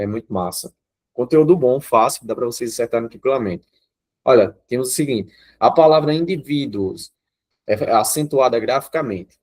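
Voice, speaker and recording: A man with a Brazilian Portuguese accent teaches an online grammar class, walking through each point step by step and checking in with his students often. His voice is medium in pitch and a little mellow.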